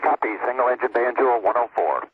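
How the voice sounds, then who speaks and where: A man's voice: mid-range voice, animated, a little fast. Male astronaut, terse readbacks, breaking-up space radio, tinny static-laced line. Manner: terse, repeats calls back. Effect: breaking-up space-to-ground radio link. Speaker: astronaut crew member. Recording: thin crackly radio line with static hiss.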